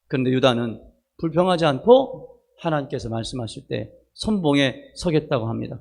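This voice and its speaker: A man's voice: medium pitch, vocal fry, a little mellow. A man, a pastor preaching a sermon in a chatty way, telling personal stories and asking the congregation for an amen. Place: church worship service.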